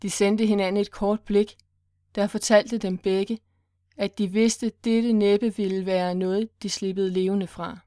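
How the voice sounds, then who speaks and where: A woman reads a suspense story in a steady, even voice, at a mid pitch. The recording is dry and close, with no room sound. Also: no room sound. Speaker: narrator. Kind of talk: audiobook narration.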